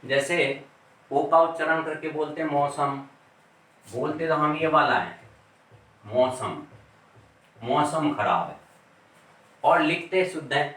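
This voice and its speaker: A male teacher gives a classroom grammar lesson, speaking slowly and deliberately and repeating words as he writes on the board. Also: on the high side, fairly bright tone, roomy sound, recorded from a distance, low-quality recording.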